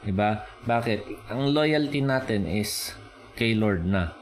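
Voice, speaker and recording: Male preacher, unhurried Taglish sermon, keeps asking listeners if they follow. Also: fairly low pitch, animated. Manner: Taglish preaching, slow and explanatory, rising with emphasis; checks in with listeners often.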